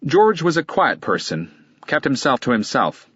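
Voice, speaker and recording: A guarded middle-aged lawyer answers in short, impatient bursts, as a man puts him on for an audiobook. The voice sits a little higher than the reader's own and stays husky. The sound is dry and slightly muffled. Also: very animated, normal speed, a bit bright, no room sound. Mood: curt, guarded.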